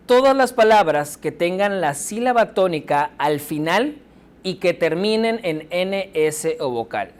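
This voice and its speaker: A woman teaching a recorded spelling lesson, speaking slowly and clearly, breaking words into syllables and repeating each rule. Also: fairly low pitch, darkish tone.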